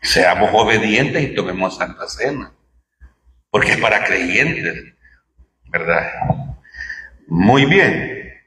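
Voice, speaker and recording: With a lowish, sharp-toned voice, a man preaches slowly and expressively, leaving long pauses. He speaks conversationally in an echoey church hall and asks his listeners rhetorical questions.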